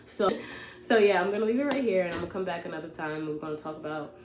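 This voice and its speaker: A woman's voice: fairly low pitch, expressive, fast. A young woman casually telling a personal story to her vlog audience, sarcastic and full of "like" and "you know what I'm saying". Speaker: vlogger. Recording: roomy echo with faint hum.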